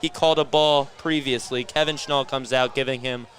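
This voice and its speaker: A man's voice: medium pitch, fairly even intonation, normal speed, fairly bright tone. A young man commentating on college baseball for student radio, laid-back with a dry sense of humor. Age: young adult. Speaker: color commentator.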